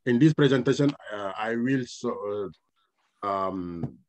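Low-ish male lecturer from Senegal, French native, Senegalese French accent, halting delivery with fillers, headset video call. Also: animated. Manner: halting, many filler uhs and restarts. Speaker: history lecturer. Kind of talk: online lecture presentation. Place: home room with shelves, indoors.

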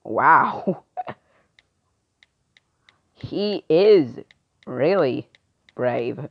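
A woman performing an amateur skit, reading the lines in a halting, unpolished way. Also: rumbling low, expressive, creaky, muffled recording. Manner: unpolished, halting line delivery. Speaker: skit performer voicing both parts.

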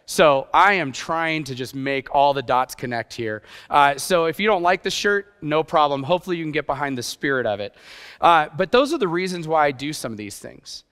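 Rhetorical questions pepper the casual, self-deprecating sermon this middle-aged youth pastor delivers as a guest preacher on an indoor church stage. He spent part of his childhood in Japan, and his voice sits on the high side: animated, fairly bright, clear and resonant, at a moderate pace. The sound echoes like a large hall.

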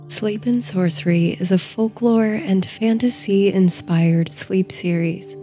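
A woman narrating a bedtime story and guided meditation in a soothing, hushed, softly breathy voice. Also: mid-range voice, music in the background. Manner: soothing, hushed, unhurried delivery. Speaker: host and narrator of a sleep story series.

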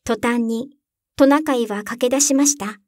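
A woman calmly reading a fairy tale aloud as narrator, close to the microphone. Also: a little high, moderate pace, no room sound. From Japan.

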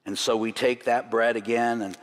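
A man's voice: mid-range voice, little pitch movement, normal speed. A man leading a congregation through the items of a Seder plate, teaching in a sermon style with light jokes and chuckles. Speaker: rabbi leading a Seder demonstration. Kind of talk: sermon demonstration. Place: church sanctuary. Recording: long church hall reverb.

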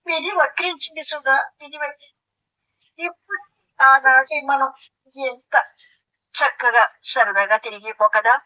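A wistful young husband, voiced by a woman, reminisces in a slow, sighing, melodramatic tone. The voice stays bright despite the lowered pitch. The recording is dull and lo-fi. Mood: tender. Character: sentimental young husband, wistful and sweet-talking.

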